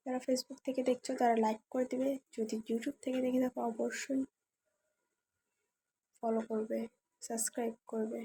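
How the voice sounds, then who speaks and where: A woman's voice: on the high side, level tone, normal speed, long pauses, mellow, slight background noise. A woman hosting a cooking channel, talking viewers through a recipe step by step in a chatty, direct way. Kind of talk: casual recipe tutorial voice-over.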